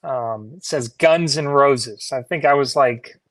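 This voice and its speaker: A man telling a personal story casually, in a laid-back, halting conversational way. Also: mid-range voice, a bit bright, no echo.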